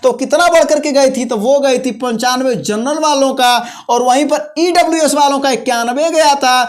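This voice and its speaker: In a high voice at a moderate pace, a job-notification channel host casually explains exam and job details. The tone is instructional, with key points repeated and frequent check-ins with listeners.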